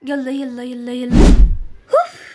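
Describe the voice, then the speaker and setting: A woman's voice: sits high, fairly even intonation, normal speed, natural voice. Woman playing a frantic squealing schoolgirl. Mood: panicked. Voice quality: squealing, exclamatory. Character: frantic late schoolgirl, dramatic and whiny. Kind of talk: doll-game role-play voicing.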